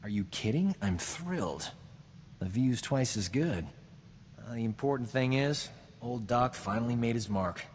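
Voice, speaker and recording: A man's voice: mid-range voice, lively intonation, unhurried, long reverb tail, slight background noise, natural voice. A man playing a cocky, vain space doctor. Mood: boastful. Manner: cocky, self-important, wisecracking. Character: boastful roguish male doctor, vain and flippant. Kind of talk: video game character dialogue.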